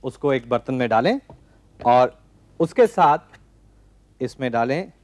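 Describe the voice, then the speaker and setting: Man in his forties, TV cooking host, calm step-by-step instructions, studio kitchen, lapel mic, dry sound. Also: medium pitch, takes it slowly, dry recording. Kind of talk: cooking demonstration.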